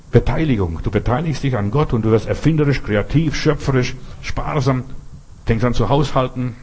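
A man delivers a sermon in a slightly husky voice. German is not his first language. He preaches earnestly, repeating phrases and asking rhetorical questions. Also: lowish voice, a little mellow.

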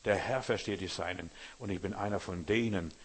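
A man's voice: low-pitched, fairly quick, husky. A man preaching a sermon with fervour, speaking straight to his listener and repeating his phrases for emphasis. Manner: fervent, addresses listener directly, repeats phrases. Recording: long hall reverb.

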